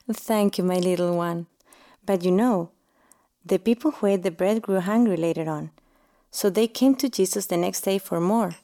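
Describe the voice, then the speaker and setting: A woman voicing a gentle, devout noble mother who speaks softly and tenderly, almost in a whisper. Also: on the low side, moderate pace, close to an everyday voice. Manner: soft, tender, half-whispered. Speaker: voice actor. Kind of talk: audio drama acting.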